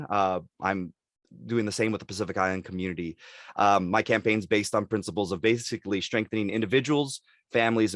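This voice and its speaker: A man from Los Angeles giving a measured, earnest statement as a city council candidate. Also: on the low side, fairly bright tone, dry recording, clean studio sound. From Los Angeles, California.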